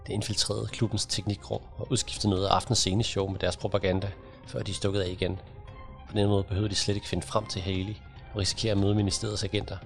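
A man reading an audiobook in a measured, even narration. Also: on the low side, vocal fry, soft background music. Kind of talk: scripted narration.

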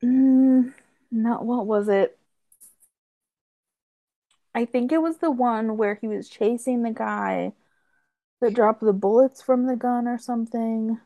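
A woman's voice: on the high side, takes it slowly, pauses often, no echo, phone-quality sound. A woman co-hosting a podcast, chatting casually and recapping episodes with lots of fillers. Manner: chatty, many fillers, quotes characters with laughs. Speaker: podcast co-host. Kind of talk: casual chat recapping a TV show.

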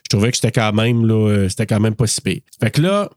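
A man's voice: lowish voice, fast talker, no echo, studio quality. A man with a Québécois accent, co-hosting a podcast and retelling a film in casual talk full of fillers. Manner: animated retelling with many fillers. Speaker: podcast co-host.

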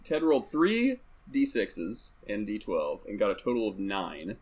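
A man playing a tabletop game, excitable and quick to exclaim. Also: on the low side, slightly rough. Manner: excitable, voice jumps up when thrilled. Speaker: player. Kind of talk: casual chat at a tabletop game.

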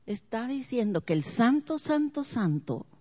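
A woman preacher, preaching a dramatic sermon that swings from hushed to loud and keeps asking the congregation questions. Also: fairly high pitch, very animated, unhurried. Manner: asks the audience questions.

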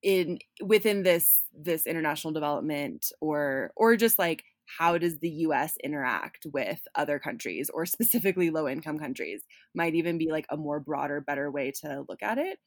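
Woman, low voice, podcast host, casual, rambling with fillers, dry sound. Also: normal speed, hardly any pauses, no room sound. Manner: rambling, many fillers and restarts.

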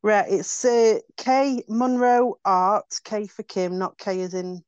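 A friendly, relaxed woman guest, an artist, chatting about herself. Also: mid-range voice, slow pace, clean tone, no room sound. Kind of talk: casual chat. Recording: dull phone call.

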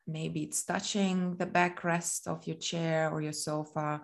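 Guiding a body scan meditation, a woman with a fairly low voice and some vocal fry speaks very slowly and gently. She keeps her pitch mostly flat and leaves long pauses between short phrases, soothing and unhurried throughout.

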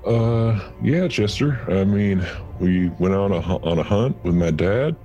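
A man's voice: fairly low pitch, expressive, a little slow, dark tone, dull audio, faint music behind. A man voicing a smug young male goliath rival who talks in a dismissive, self-satisfied way. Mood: evasive.

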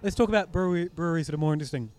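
A man with a New Zealand accent hosting a podcast, chatting casually about beer news with relaxed ums and restarts. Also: a little high, racing. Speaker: podcast host.

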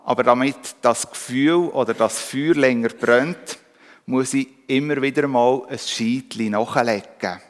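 Slow-speaking Swiss pastor. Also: male voice, mid-range voice. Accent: Swiss German. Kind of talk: sermon. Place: church. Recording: reverberant church hall.

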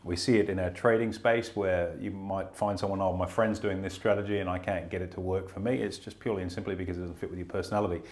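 A man's voice: low-pitched, fairly even intonation, quick pace, hardly any pauses, a little mellow. A man hosting a casual talk show, speaking earnestly and often restarting his sentences. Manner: earnest, self-correcting, stammers on restarts. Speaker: host. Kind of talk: casual podcast chat about investing.

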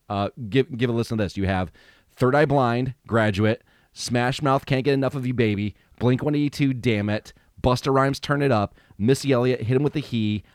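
Rambling, profane man with a low voice. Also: no echo, studio quality. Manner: rambling, profane, full of fillers. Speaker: podcast co-host. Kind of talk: casual chat.

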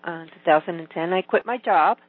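A middle-aged Venezuelan woman who speaks Spanish talks fairly quickly in a lowish voice as an author guest on a phone interview, frequently starting her sentences over. The sound comes through a tinny phone line.

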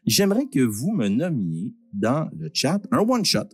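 A Québécois man hosting a live giveaway in a booming prize-announcer manner, informal and joking, with some swearing. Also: sing-song, unhurried, breathy edge, faint music behind. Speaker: host of a live-streamed prize draw.

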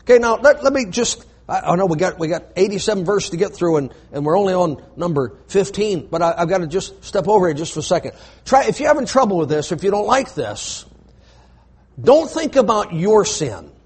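High-pitched preacher man, emphatic sermon. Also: very animated, a little fast, slightly rough. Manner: emphatic, rising to shouts, repetitive preaching cadence.

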